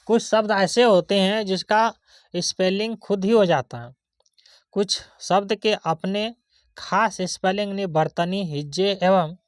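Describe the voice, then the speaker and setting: Slow, deliberate woman teacher spelling words. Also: mid-range voice, dry recording. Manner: asks checking questions of the pupils. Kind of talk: classroom-style spelling lesson.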